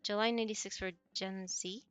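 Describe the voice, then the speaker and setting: A woman's voice: medium pitch, steady tone, a little fast, a bit bright, no room sound, faint music behind. A woman in her forties, chatting casually with viewers on her stream, rambling and often correcting herself mid-sentence. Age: 40s.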